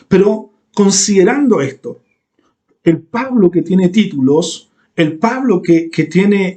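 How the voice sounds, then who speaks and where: A man's voice: high-pitched, a little mellow. A male pastor preaching a sermon in a church, emphatic and repeating key phrases for weight.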